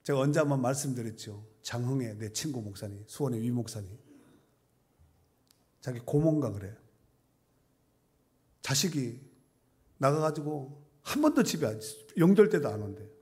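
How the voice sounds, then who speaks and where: A man's voice: medium pitch, animated, moderate pace, pauses often, a little mellow. A middle-aged man, a pastor, preaching a sermon in a church, telling stories conversationally and reading scripture with rising emphasis. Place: church sanctuary.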